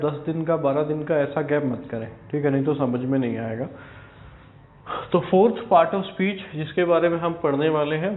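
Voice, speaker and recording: A man teaching an English grammar lesson to exam students. He explains step by step, repeats key words for stress and keeps checking in with his class. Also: a little high. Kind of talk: recorded video lesson for exam aspirants. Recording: echoey room, tinny phone-like sound.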